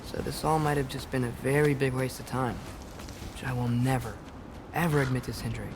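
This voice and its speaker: Casting: man voicing a headstrong teen boy adventurer, mid-pitched, youthful video game acting over noticeable ambience. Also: fairly even intonation, brisk, noisy background, lightly acted. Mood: musing, relieved.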